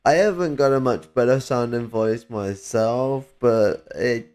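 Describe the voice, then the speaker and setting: His voice is medium-pitched and darkish, with a measured pace and a slightly whiny edge. On a stream, the man from Northern England talks politics informally, rambling, swearing frequently and starting his sentences over with many fillers.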